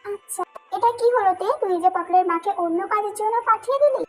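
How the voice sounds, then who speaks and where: Woman as a scolding middle-aged mother, very high-pitched, for a dubbed fan drama. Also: fast talker, faint music behind. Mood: bossy. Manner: scolding, giving orders.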